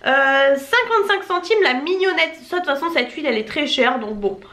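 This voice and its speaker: A woman's voice: high-pitched, lively intonation, brisk, a bit bright. A young woman with a Marseille accent chatting casually to camera as a family vlogger, rambling and correcting herself as she unboxes. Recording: echoey room with faint noise.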